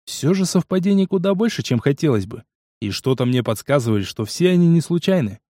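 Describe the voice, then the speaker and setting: A man's voice: on the high side, lively intonation, a little fast, mellow, no room sound, studio quality. A man voicing a curt, irritable mercenary hero. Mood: terse.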